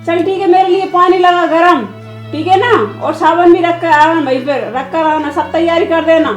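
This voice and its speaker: A woman's voice: very high-pitched, steady tone, moderate pace. A woman playing a bossy older mother-in-law in a family skit, barking orders at her daughter-in-law and doting on her own daughter. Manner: commanding, scolds her daughter-in-law, soothes her daughter. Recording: echoey room with music behind.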